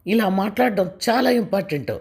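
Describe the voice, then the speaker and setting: A woman's voice: mid-range voice, expressive, a little fast, gravelly, a little mellow, pitched above the performer's own voice. A woman voicing a long-patient young husband who speaks firmly and insistently. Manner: firm and insistent.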